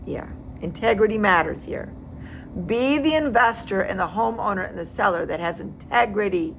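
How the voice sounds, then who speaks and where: A woman's voice: mid-range voice, animated, normal speed, slight background noise. A woman real estate agent giving casual advice, emphatic and repeating words for stress.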